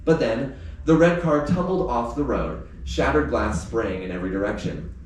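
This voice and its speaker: Reading his own story aloud and talking informally, a male author who teaches speaks at a live book event to a small indoor crowd. His voice is medium-pitched at a normal pace. The audio is very echoey from a distant mic, with faint noise.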